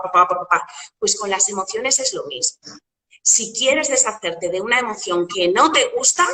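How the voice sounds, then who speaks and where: A woman explaining emotions with metaphors and rhetorical questions in a lively, casual conversation. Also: on the high side, echoey room, in a large hall, recorded from a distance, low-quality recording. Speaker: guest coach.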